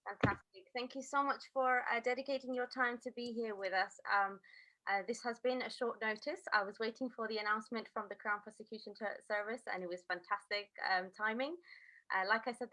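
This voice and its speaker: A woman's voice: medium pitch, bright, forceful tone, low-quality recording. A woman hosting an online panel event, polite, with many ums and uhs.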